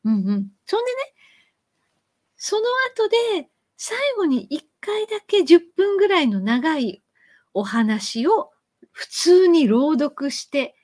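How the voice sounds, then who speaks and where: A woman hosting a live-stream lesson on reading aloud, talking with lively emphasis, stretching some words and rushing through asides. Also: high-pitched. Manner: lively and animated, with sudden loud chanted demonstrations.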